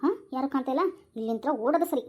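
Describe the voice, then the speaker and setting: A woman's voice: sits high, quick pace, highs cut off. A woman doing a cowardly North Karnataka thief. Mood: scared. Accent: North Karnataka Kannada. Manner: sly, pleading when caught. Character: scheming adult male house thief, cowardly.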